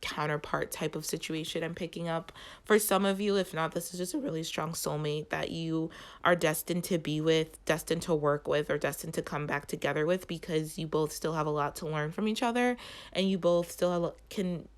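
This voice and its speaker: Stuffy and nasal from allergies, this woman reads tarot cards aloud for her channel's viewers in a smooth voice with fairly even intonation, somewhat low for a woman. She keeps stopping and restarting, leaning on "like" while hunting for the next phrase.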